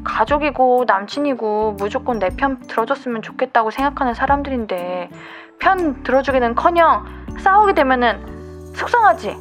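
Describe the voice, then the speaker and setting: A young woman radio DJ delivering a scripted, gentle and consoling monologue as if to an upset friend. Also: fairly high pitch.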